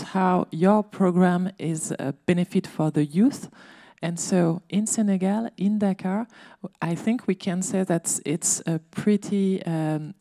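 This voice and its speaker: Slow, mellow-voiced woman moderating. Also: fairly low pitch, dry recording, studio quality. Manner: hesitant, broken into short phrases. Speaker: session moderator. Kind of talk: moderating a conference session.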